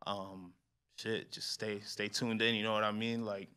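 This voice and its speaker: A man in his twenties, a rapper guest chatting casually in a slangy, laid-back way that trails off quietly. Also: fairly low pitch, flat delivery, measured pace, clear, resonant tone. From New York. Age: 20s. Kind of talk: casual interview chat.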